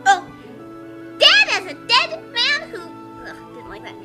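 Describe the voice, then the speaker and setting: Her voice is very high and sharp, swinging hugely in pitch, yet she never hurries. As a co-host of a relaxed group fan-fiction reading, she trades banter and remarks in a mock-dramatic, theatrical way over background music.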